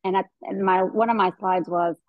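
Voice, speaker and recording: A woman's voice: medium pitch, steady tone, normal speed, no echo. A woman gynecologist from the American South, speaking as a guest in a webinar interview over a video call, thinking aloud with many fillers and restarts. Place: indoor room at home. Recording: dull dry video call audio.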